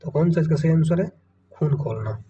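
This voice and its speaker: A man's voice: on the high side, normal speed, far from the mic. A man teaching, working through exam questions one by one and thinking aloud over each option, often checking in with his students. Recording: muffled, from the mic, faint room noise.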